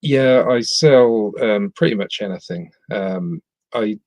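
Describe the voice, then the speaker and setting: Hesitant and full of ums and restarts, a middle-aged West Midlands man (English, not Scottish) chats as a guest in a laid-back podcast interview. His voice is on the low side and a little mellow, his pace slow, and the sound has no echo.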